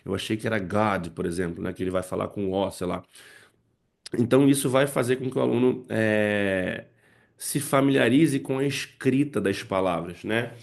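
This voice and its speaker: His voice is lowish and gravelly, at a normal speed, as he gives parents and teachers a spoken lesson on using poems to teach English. He lays it out step by step and checks in often with "né" and "tá."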